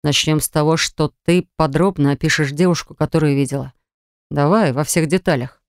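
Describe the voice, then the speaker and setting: A woman's voice: sits low, a little fast, smooth, no room sound, clean studio sound. A woman voicing a stern, insistent young man who speaks curtly and makes demands in an audiobook. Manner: curt, demanding.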